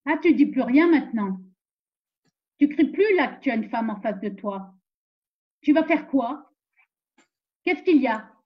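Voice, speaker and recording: Woman playing a fierce mom, high voice, commanding, scolds hard, lo-fi sound. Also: animated, measured pace, pauses often, breathy edge, heavily acted. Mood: scolding. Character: fierce protective mother of a family. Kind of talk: amateur theatre web-series acting.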